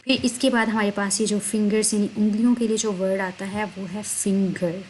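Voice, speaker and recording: Woman, teacher, repeats words slowly, faint background noise. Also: mid-range voice, steady tone, darkish tone, rough recording. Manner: slow, drawn-out spelling of words, repeats each word twice. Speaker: English teacher. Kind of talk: vocabulary lesson in Hindi.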